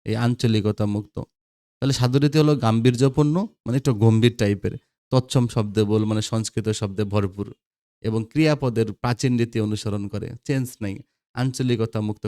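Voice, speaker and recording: A man's voice: fairly low pitch, steady tone, brisk, mellow, no echo, clean studio sound. A man with a Bangladeshi Bengali accent, lecturing school students on grammar, quizzing them and repeating the answers. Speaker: teacher.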